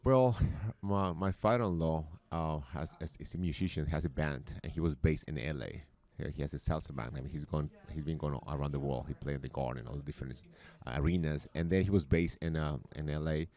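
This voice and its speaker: Very deep-voiced Colombian man. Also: a little fast, hardly any pauses, darkish tone. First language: Spanish. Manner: hesitant, often repeats and restarts words. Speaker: podcast guest. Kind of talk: casual interview talk.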